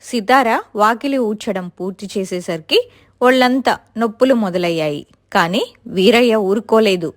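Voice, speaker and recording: A woman telling a family story in steady, expressive scripted narration. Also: mid-range voice, moderate pace.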